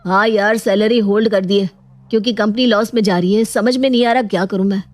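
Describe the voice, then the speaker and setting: A woman's voice: medium pitch, fairly even intonation, fairly quick, a little mellow, natural voice. A woman voicing a short-tempered young married man in a cartoon story, irritable and complaining. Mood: worried.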